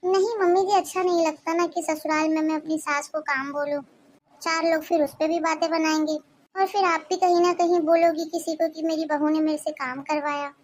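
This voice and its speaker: A woman voicing a proud, sulky young daughter-in-law in a cartoon story, answering with sharp taunts. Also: high-pitched, fairly even intonation, brisk, a little hiss or hum, lightly acted.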